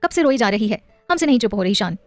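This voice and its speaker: A woman's voice: medium pitch, lively intonation, quick pace, no room sound, faint music behind, close to an everyday voice. A woman voicing a firm but loving young wife and mother in an audio story, with a teasing, affectionate scolding manner.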